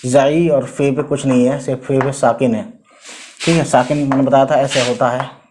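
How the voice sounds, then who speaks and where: Man slowly spelling words for learners. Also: medium pitch, steady tone, noisy background. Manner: slow, repeats letters and sounds out spellings; frequent "theek hai" and "hai na" tags. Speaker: language teacher. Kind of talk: casual teaching.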